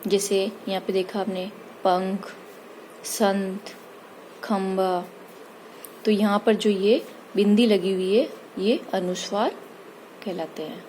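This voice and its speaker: A woman teaching Hindi grammar, patiently explaining vowels and spelling out each example slowly. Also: mid-range voice, a little mellow, a little hiss or hum, low-quality recording. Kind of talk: slow explanatory lesson.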